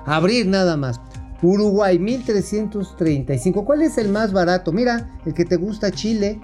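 Slightly high Mexican co-host, banters and swears, faint music bed. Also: male voice, darkish tone. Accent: Mexican Spanish. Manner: banters, swears, quick asides. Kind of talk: casual talk-show chat.

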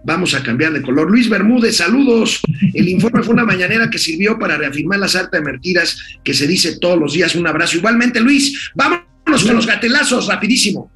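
An older man with a Mexican accent, his voice high and bright. He talks fast and loose on a political talk show and reads out comments from listeners. Faint music plays behind him. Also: animated. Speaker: co-host.

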